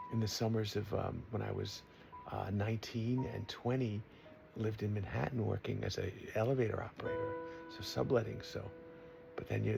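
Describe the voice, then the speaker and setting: A man of sixty-seven with a Queens New York accent, speaking in an earnest, free-associating ramble that halts and then rushes. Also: mid-range voice, creaky. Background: music.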